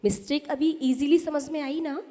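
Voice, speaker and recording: A woman giving a sermon as a nun, teaching correct pronunciation slowly and emphatically, asking her listeners questions and answering them herself. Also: high voice, fairly even intonation, dark tone. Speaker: Jain nun giving a discourse. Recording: long hall reverb.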